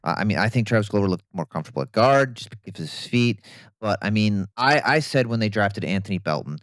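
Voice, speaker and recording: Dude giving hot takes on football, smooth lowish voice, dry mic, gets sarcastic. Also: male voice, dry recording. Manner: opinionated, animated, uses sarcasm. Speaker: podcast co-host. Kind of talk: casual sports chat.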